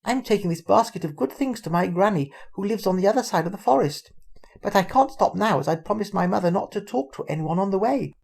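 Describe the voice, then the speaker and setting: A man's voice: sits high, expressive, fast, gravelly, darkish tone, pitched above the performer's own voice, full character voice. Grandad piping as polite little girl. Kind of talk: storybook reading.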